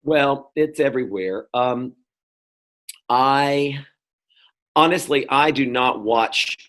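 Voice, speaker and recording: Taking things slowly, this middle-aged North Carolinian speaks in a medium, somewhat bright voice as an interview guest. His casual, rambling talk is peppered with fillers and restarts, typical of an easygoing Southern conversation.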